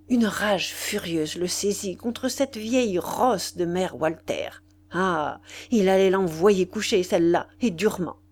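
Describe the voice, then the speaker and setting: A woman narrating a literary audiobook with expressive, dramatic storytelling. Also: lowish voice, husky. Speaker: audiobook reader.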